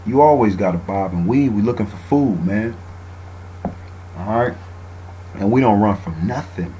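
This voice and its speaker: Deep-voiced man hosting casual radio talk. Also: measured pace, dark tone, a little hiss or hum, poor audio. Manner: reads text aloud, then comments loosely, tagging lines with "man". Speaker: radio show host.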